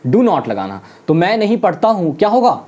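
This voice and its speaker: Lesson teacher, mellow dark voice, mid pitch; friendly address to viewers, self-answered questions, slow word-by-word example drills. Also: very animated, muffled recording. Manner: repeats English example sentences slowly, word by word. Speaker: spoken English teacher. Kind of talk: online classroom lesson.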